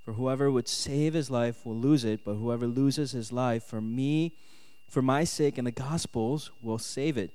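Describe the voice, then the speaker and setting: In a hall with long, echoing reverb, a man who left South Korea for the US at age ten gives students a conversational sermon of scripture and personal testimony. His mid-range voice is mellow and clean, moving a little slowly, and he often asks "right?" or "okay?".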